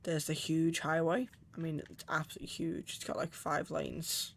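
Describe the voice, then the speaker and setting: A man's voice: fairly high pitch, level tone, normal speed, vocal fry, slight background noise. A man chatting casually on a livestream as a virtual pilot, murmuring asides to himself and reading back radio calls. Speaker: flight sim streamer, virtual pilot.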